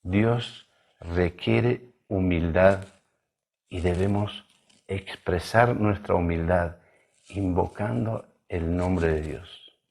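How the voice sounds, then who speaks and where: A male pastor from Bolivia preaching a sermon in a measured, emphatic way, drawing out key words. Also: sits low, vocal fry, a little mellow. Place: church livestream.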